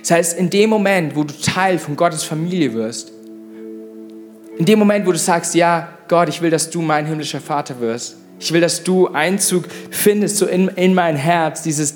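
A young man preaches to a church congregation in a direct, casual way, often turning to the listener with a "hey". His voice sits a little high for a man. Soft instrumental music plays faintly beneath his words. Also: normal speed. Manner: informal preaching with many "hey" asides. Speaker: pastor. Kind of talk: sermon. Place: church service.

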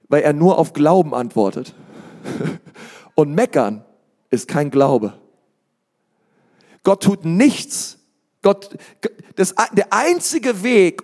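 A male pastor preaching an emphatic sermon, speaking straight to the congregation and rising to shouts. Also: sits high.

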